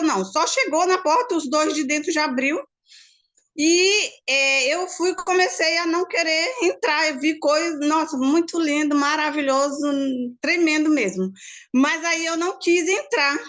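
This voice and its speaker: A woman earnestly and quickly sharing a personal faith testimony, with frequent restarts. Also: high voice, fairly bright tone. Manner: fast, earnest storytelling with many restarts. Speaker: church group member sharing a testimony.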